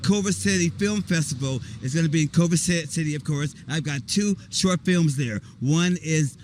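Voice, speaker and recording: A man, an actor, chatting excitedly and rambling in a casual outdoor interview at a volunteer event. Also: on the high side, normal speed, a little hiss or hum. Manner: excited, rambling, spells things out. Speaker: actor guest.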